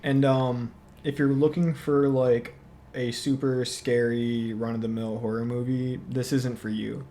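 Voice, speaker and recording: A man co-hosting a podcast, chatting casually about movies, relaxed and quick to laugh. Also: mid-range voice, a little hiss or hum. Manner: relaxed, laughs often, lots of fillers. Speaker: podcast co-host. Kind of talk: casual movie review chat.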